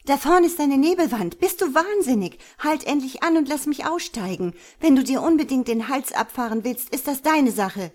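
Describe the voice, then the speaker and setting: A woman's voice: expressive, normal speed, few pauses, darkish tone. A woman reading a storybook voices a frightened young woman who pleads and shrieks at a reckless driver. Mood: panicked. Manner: shrill, pleading, near screaming. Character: panicked young woman passenger, fearful.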